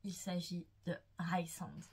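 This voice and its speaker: A woman's voice: fairly low pitch, little pitch movement, takes it slowly, a little mellow, slightly rough. A young woman hosting a book vlog who gushes playfully and swoons as she talks about her favorite characters. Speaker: book vlogger. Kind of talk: casual enthusiastic book chat.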